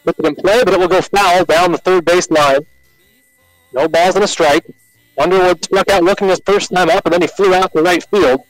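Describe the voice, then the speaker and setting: A man with an American accent calling live baseball play-by-play on the radio in short, measured announcer phrases. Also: high voice, steady tone, dry recording, soft background music, low-quality recording.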